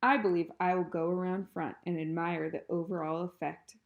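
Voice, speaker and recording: A woman's voice: lowish voice, fairly even intonation, moderate pace, gravelly, narrow, tinny audio. A woman playing a bossy, outraged older lady. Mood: haughty. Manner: haughty, loud, clipped commands.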